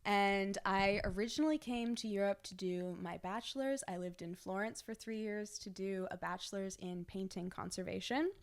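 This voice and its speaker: A young woman from Wisconsin co-hosting a casual podcast, relaxed, chatty and upbeat. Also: mid-range voice, moderate pace, few pauses, smooth. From Milwaukee, Wisconsin. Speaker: podcast co-host. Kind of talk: casual chat.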